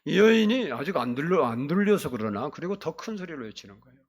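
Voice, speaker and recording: A man preaching a sermon from a church pulpit, his voice sitting on the higher side for a man. His delivery is emphatic and sweeps up and down in pitch. He keeps drawing the congregation into call-and-response. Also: sing-song, fast talker, husky. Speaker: pastor. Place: church sanctuary.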